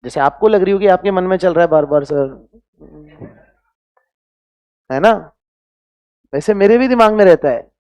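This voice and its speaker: In a dry, lo-fi recording, a man with a high, darkish voice speaks a little fast while teaching chemistry in an online class. He keeps quizzing students with rhetorical questions, mixes Hindi with English phrases, and throws in scolding, motivational asides.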